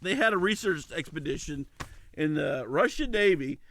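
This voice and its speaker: A man from El Salvador hosting a loose comedy news show. His voice is high, bright and lively, and he reads the stories with stumbles and laughter. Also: moderate pace. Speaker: podcast host. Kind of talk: casual comedic news chat.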